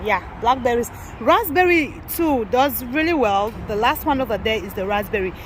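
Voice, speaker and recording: Woman from Cameroon, gardening vlogger, high-ish voice, chatty tour, wind and traffic noise outside. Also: expressive, normal speed, rough recording. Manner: chatty, addresses viewers as guys. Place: outdoor garden, windy.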